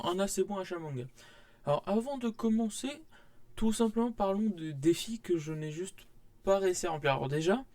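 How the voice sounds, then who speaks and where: Chatty young man, slightly high voice. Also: darkish tone. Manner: chatty, rambling, many fillers and restarts. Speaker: manga vlogger. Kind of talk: casual monthly haul vlog.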